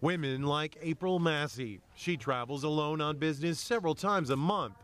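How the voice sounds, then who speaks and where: A man narrating a scripted investigative TV news report with dramatic, measured delivery. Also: on the high side, fairly bright tone.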